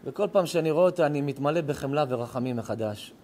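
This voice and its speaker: Impassioned rabbi man, higher voice. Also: mellow. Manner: storytelling, voice rising and cracking with emotion. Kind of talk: emotional moral sermon. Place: synagogue or home lecture hall.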